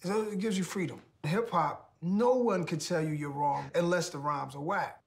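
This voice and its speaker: A man's voice: a little high, normal speed, gravelly. A man who raps, chatting casually in a laid-back, easygoing way. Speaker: rapper. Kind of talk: casual conversation.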